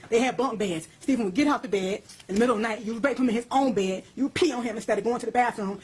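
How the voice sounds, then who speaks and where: In this poor-quality recording of an interview, a woman with a fairly high, fast, darkish and husky voice speaks intensely and bluntly. She swears freely, and her voice climbs as she gets heated while recounting events.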